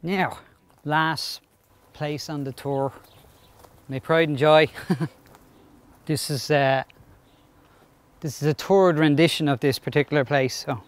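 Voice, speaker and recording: A man's voice: on the high side, fairly even intonation, slow pace, long pauses. A man casually giving an enthusiastic, chatty tour of his animal collection, laughing often.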